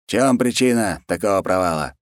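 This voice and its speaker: A man's voice: sits low, expressive, a little fast, no room sound, studio quality, pitched above the performer's own voice. A man voicing a fat, lazy and cruel khan who talks in a peevish, bossy way.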